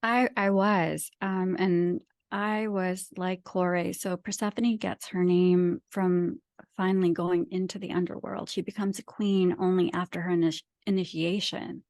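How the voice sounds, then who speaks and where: A Pakistani author, speaking English as her second language, appears as a guest in a reflective interview, earnest, emphatic and philosophical in manner. Her voice is on the low side and darkish, delivered flatly and a little slowly, with no room sound.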